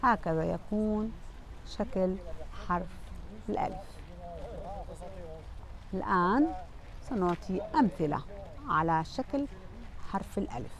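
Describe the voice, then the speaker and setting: A woman teaching a children's language lesson, speaking slowly and patiently and repeating each word several times. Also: medium pitch, lively intonation. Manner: addresses pupils, pointing things out. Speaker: Arabic teacher.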